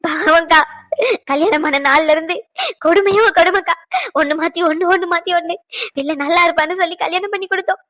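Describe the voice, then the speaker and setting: A heartbroken, furious cartoon mother, played by a woman with a very high voice that cracks into wails and shouted threats. The sound is dry and close. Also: steady tone, fast talker, dry recording. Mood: tearful. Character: distraught middle-aged mother, fierce to her daughter-in-law. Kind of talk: Tamil cartoon dubbing.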